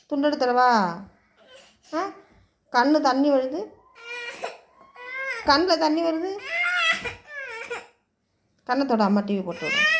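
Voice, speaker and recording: A mother speaking to her small child at home, her voice sitting high. She swings between gentle coaxing and firm scolding, with a faint hum of household noise behind her.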